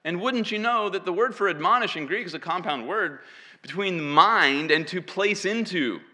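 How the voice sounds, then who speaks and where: Animated preacher in an echoing hall. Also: male voice, high-pitched, moderate pace. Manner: animated, emphatic, self-deprecating asides. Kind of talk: expository sermon to a congregation. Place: church hall with an audience. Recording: long hall reverb.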